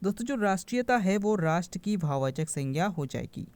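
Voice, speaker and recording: A man's voice: high voice, expressive, brisk, clear, resonant tone, dry recording. A man teaching an online exam-prep grammar lesson, reading out each answer option in turn and then explaining it to his viewers, whom he calls friends. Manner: calls the viewers friends and stresses what to remember. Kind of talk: online quiz-style lesson.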